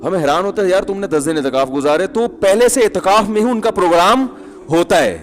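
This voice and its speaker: A man's voice: sits high, big-room sound, soft background music. A man giving a humorous, conversational sermon as an Islamic preacher, with chuckling asides.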